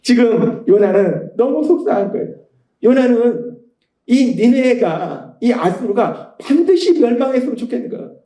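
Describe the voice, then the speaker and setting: A man's voice: very high-pitched, lively intonation, normal speed, mellow, echoey room. A man preaching a Sunday sermon as pastor, talking in a conversational way and asking his listeners rhetorical questions. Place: church sanctuary.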